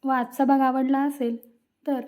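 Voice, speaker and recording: A woman reviewer narrating an episode recap in a steady read-aloud manner. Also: high voice, measured pace. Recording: tinny phone-like sound.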